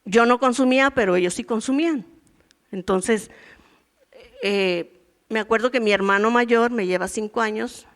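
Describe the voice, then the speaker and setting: A woman's voice: fairly high pitch, normal speed, long pauses. Woman in her sixties, women's ministry teacher; conversational sermon with acted-out asides. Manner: conversational preaching, acts out voices from daily life and her past.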